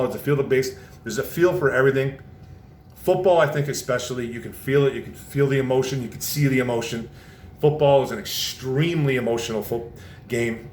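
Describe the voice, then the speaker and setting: A man giving a passionate, repetitive casual sports rant as a vlogger, often tossing in "man". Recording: roomy echo, faint low rumble.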